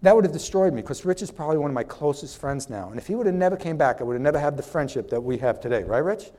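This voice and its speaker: A man's voice: a little high, lively intonation, racing, dark tone. A middle-aged man preaching a sermon as pastor, impassioned and preachy, sweating as he talks. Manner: impassioned, preachy, acts out little dialogues.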